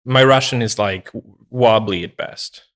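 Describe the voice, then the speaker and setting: Man, halting restarts. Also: lowish voice, fairly bright tone. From Poland. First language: Polish. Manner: hesitant, many restarts and fillers. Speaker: podcast guest. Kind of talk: casual interview chat.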